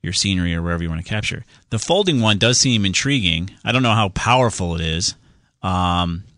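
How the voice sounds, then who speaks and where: A man's voice: sits low, expressive, a little fast, a bit bright, dry recording, clean studio sound. A man hosting a radio call-in show, casually explaining computer fixes step by step. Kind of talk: casual call-in tech advice.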